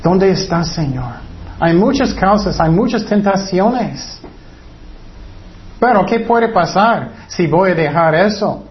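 A man preaching a sermon in an earnest way, letting his voice sink low on heavy words. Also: slow, lo-fi sound, slight background noise.

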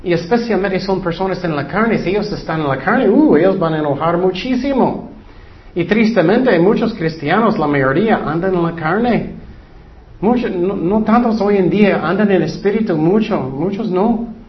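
A man's voice: high voice, animated, normal speed. Earnest man preaching, dull lo-fi sound. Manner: earnest, conversational preaching with frequent asides. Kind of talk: informal Bible teaching. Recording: dull lo-fi recording.

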